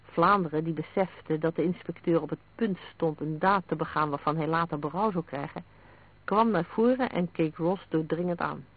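Man narrating a detective story, high and tinny. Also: normal speed. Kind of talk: audiobook reading of a detective story. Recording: narrow phone-like sound.

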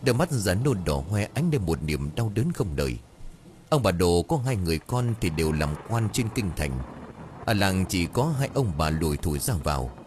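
A deep-voiced man reads a dramatic audiobook story with lively, rising and falling intonation. A faint background noise sits under his voice. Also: normal speed. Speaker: narrator. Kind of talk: scripted audiobook narration.

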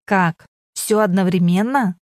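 A woman's voice: mid-range voice, unhurried, dry recording, clean studio sound, natural voice. A woman voicing a flustered, defensive woman who panics while learning to drive, in an audiobook.

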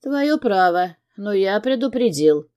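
A woman's voice: mid-range voice, expressive, takes it slowly, darkish tone. A woman reading an audiobook and voicing a tough, hot-tempered male crime boss who gives harsh commands. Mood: cold. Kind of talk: audiobook character voice.

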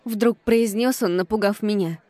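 A woman's voice: medium pitch, moderate pace, mellow, no echo. A woman reading a first-person audiobook with an ironic, exasperated tone. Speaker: audiobook reader.

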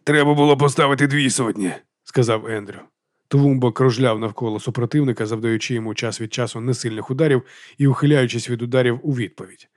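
A man's voice: medium pitch, warm tone, no room sound. Man reading an audiobook, dry. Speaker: audiobook narrator.

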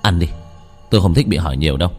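A man's voice: low-pitched, racing, in a large hall, soft background music, lightly acted. A man voicing a sullen young village man who answers curtly. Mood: irritable. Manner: curt, snapping.

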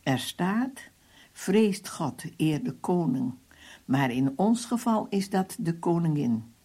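A reader voicing a devout old father who answers slowly and steadily. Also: medium pitch, husky, full character voice. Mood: calm. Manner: steady, gentle.

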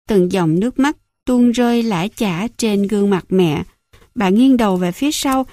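A woman narrating a memoir audiobook in calm, even storytelling into a close studio mic. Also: mid-range voice, no room sound. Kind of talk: scripted narration.

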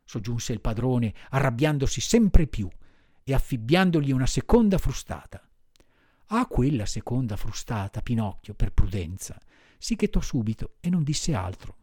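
A man narrating a children's classic audiobook in a measured, expressive way. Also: mid-range voice, husky, dry recording, studio quality. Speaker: audiobook reader.

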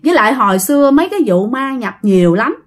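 A woman's voice: fairly high pitch, sing-song, quick pace. A woman with a Southern Vietnamese accent telling a ghost story in a chatty way, talking straight to her listeners. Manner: addresses listeners directly, chatty. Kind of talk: casual ghost story narration.

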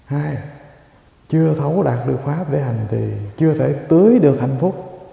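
Gravelly, very dark-voiced monk preaching. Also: male voice, on the high side, expressive, lo-fi sound. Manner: measured, emphatic, often addresses the listeners directly. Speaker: Buddhist monk giving a dharma talk. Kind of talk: sermon. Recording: echoey hall with long reverb.

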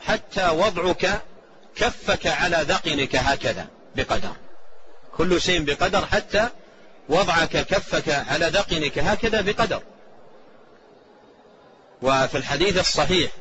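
A man lectures on a religious text in a somewhat high voice, measured and deliberate, repeating key phrases as he explains them. He weaves in recited verses and sayings. The recording is a bit dull and lo-fi, with a faint hiss underneath. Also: fairly bright tone. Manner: recites quoted scripture and hadith. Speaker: sheikh teaching a creed text.

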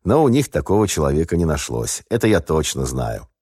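An eager, fussy former academic talks in quick, excited bursts, as a male reader puts him on. The voice is low and the sound is dry and close. It is a character in an audiobook. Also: slightly rough, no echo, exaggerated voice.

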